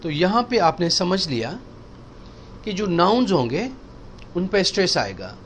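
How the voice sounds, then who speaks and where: A man teaching spoken English, explaining slowly and repeating example sentences for practice. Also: sits high, sing-song, a bit bright, slight background noise.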